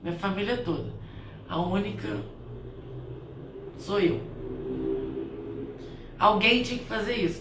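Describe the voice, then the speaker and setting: A woman's voice: medium pitch, fairly bright tone. A woman who does spiritual blessings talks through a personal reflection, her thoughts winding and often restarting. She sits back from the microphone, so the room echoes around her voice. A faint hum of ambient noise sits underneath. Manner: heartfelt and rambling, with many restarts. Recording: roomy, distant from the mic, faint ambient noise.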